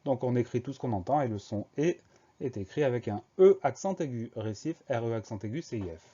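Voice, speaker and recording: A man teaching a spelling lesson for young schoolchildren, going slowly and spelling each word letter by letter. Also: medium pitch, lively intonation, warm tone, breathy edge, dull audio. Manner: slow, spells words letter by letter.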